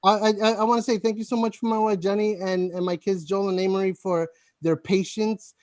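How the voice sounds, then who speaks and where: A man, a campaign volunteer, chatting on a video call, halting and stuttering through many restarts. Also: sits high, level tone, darkish tone, no room sound, studio quality. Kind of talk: casual video-call chat.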